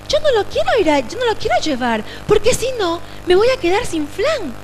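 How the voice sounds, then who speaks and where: A woman's voice: very high voice, very animated, moderate pace, pitched above the performer's own voice, poor audio. A woman doing a whiny stubborn little girl. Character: stubborn little girl guarding her dessert. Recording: recording with loud hum and engine noise.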